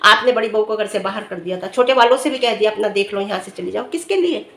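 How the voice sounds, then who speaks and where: A woman's voice: mid-range voice, fast talker, creaky, a bit bright, echoey room. A middle-aged woman vlogger giving direct-to-camera commentary, earnestly lecturing and scolding with rhetorical questions. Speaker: vlogger commenting on another family's dispute.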